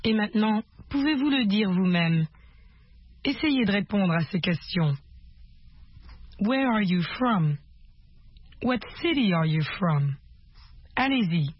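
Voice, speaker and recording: A woman narrating a scripted language lesson and giving calm, instructive prompts. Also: mid-range voice, measured pace, long pauses, breathy edge, dry recording. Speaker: course narrator. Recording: muffled lo-fi recording over soft guitar.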